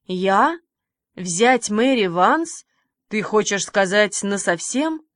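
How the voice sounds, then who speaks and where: A kindly, fussy middle-aged village woman, as a woman reader puts her on, brisk and motherly in a storybook reading. She softens her voice for endearments. The sound is dry and close, with a middling pitch. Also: animated, no room sound.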